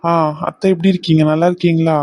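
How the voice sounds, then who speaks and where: A woman doing a soft-spoken young groom. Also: low voice, level tone, fast, pitched below the performer's own voice. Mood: tender. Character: young male bridegroom, gentle and doting.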